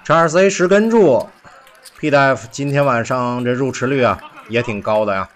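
A man giving recorded poker highlight commentary as a voice-over, animated, with rhetorical questions and exclamations. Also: moderate pace.

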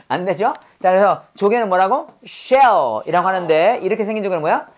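At a moderate pace and with plenty of expression, a woman whose voice sits mid-range leads a call-and-response English lesson. She repeats vocabulary words for drilling and quizzes her students on them.

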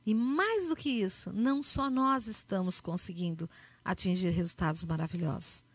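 A woman with a Brazilian accent gives an animated motivational talk, acting out little dialogues as she tells her stories. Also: medium pitch, moderate pace, dry recording. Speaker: speaker.

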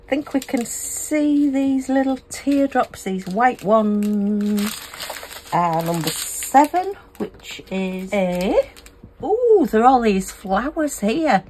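A woman's voice: a little high, sing-song, takes it slowly, darkish tone, a little hiss or hum. A middle-aged woman from the UK, chatting casually and gushing as she unboxes and reviews craft kits. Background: a small fan humming.

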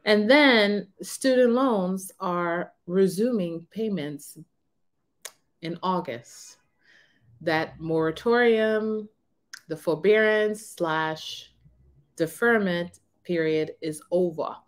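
A woman in her thirties talking frankly to camera in a casual, unhurried way from a small room. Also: lowish voice. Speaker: vlogger on renting. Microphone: camera in front of her.

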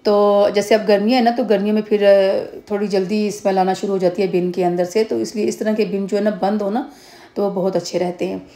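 A woman in her thirties from Pakistan talks through a casual home vlog into a phone camera held close. Her voice is warm and dark and stays even, with little rise and fall. She rambles along with many fillers and restarts. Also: medium pitch, brisk. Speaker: vlogger. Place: home, indoors.

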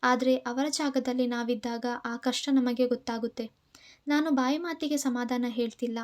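Caring young woman, earnest, reassuring, high pitch, mellow tone, a woman voicing her. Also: fairly even intonation, moderate pace, natural voice. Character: caring young woman comforting an older friend.

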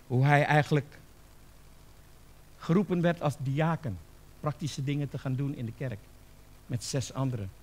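An older man preaching a church sermon, rising and slowing for emphasis on key phrases. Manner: rises in pitch and volume for emphasis, slows on key phrases.

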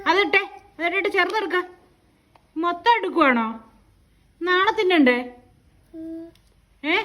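A woman's voice: extremely high pitch, expressive, measured pace, fairly bright tone. A mother at home talking to her toddler in coaxing, teasing baby talk full of repeated questions.

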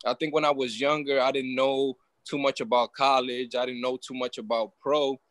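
A young man from New York, a pro basketball player, answering on a video call from his phone outdoors, steady and plain-spoken. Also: mid-range voice, normal speed, dry recording, rough recording. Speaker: professional basketball player, panel guest. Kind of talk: casual video call interview.

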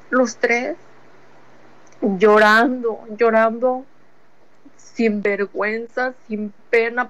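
A woman tells her personal faith testimony in a slightly high voice, full of feeling. She retells each conversation step by step, quoting what was said to her. The sound is somewhat dull and lo-fi. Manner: retells events with many quoted conversations, repeating "he told me"; earnest and emotional. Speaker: testimony giver.

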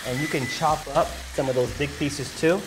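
A man's voice: a little high, fairly even intonation, moderate pace, noisy background. A man in his thirties hosting a cooking show, giving upbeat step-by-step directions to a guest in a home studio kitchen. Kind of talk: instructing a guest while cooking.

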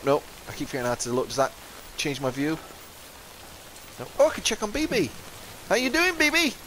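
A gaming channel host from England, with a South Yorkshire accent, gives casual let's-play commentary in a slightly high, somewhat bright voice. He rambles, chats, laughs often and corrects himself mid-sentence. Game music plays faintly behind, with slight background noise.

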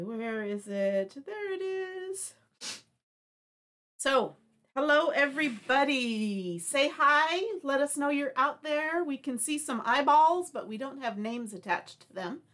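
Hosting a live craft show from her home craft room, a middle-aged woman chats in a friendly, rambling way with frequent restarts. Allergies leave her congested and sniffling. She takes her time, her high voice fairly bright with lively intonation.

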